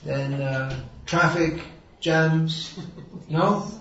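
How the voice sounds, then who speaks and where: Brief: man preacher with a slightly high voice, wry and emphatic, distant mic in a roomy hall, dull sound. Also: very slow, fairly bright tone, slight background noise. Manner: sarcastic and wry, then earnest and emphatic. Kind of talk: sermon.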